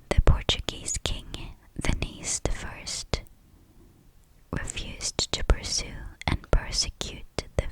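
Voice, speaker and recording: Slow ear-to-ear whispering woman, ASMR. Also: poor audio. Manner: whispering close into the listener's ears, moving ear to ear; slow, measured scripted reading. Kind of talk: whispered ASMR reading of a history text. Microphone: close-up stereo microphone.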